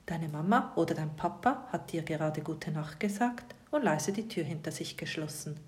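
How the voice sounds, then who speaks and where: A woman narrating a bedtime story softly, often in a whisper, and addressing the listener directly. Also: low-pitched, expressive, normal speed.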